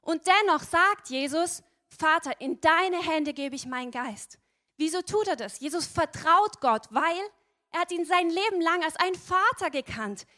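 A woman's voice: extremely high pitch, animated, unhurried, pushed and bright. A woman giving a sermon, earnestly addressing her listeners directly and often adding a questioning "ja?". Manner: tag questions "ja?". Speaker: preacher.

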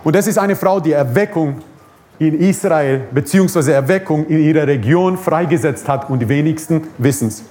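A man's voice: a little high, moderate pace, mellow. A man preaching a sermon at a church service, emphatic, repeating his key phrases and chuckling now and then.

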